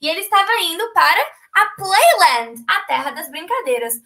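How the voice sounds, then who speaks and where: A woman's voice: very high-pitched, sing-song, moderate pace, sharp tone. A woman teacher telling a children's story in a bilingual lesson, switching between two languages and gasping dramatically. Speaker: English teacher.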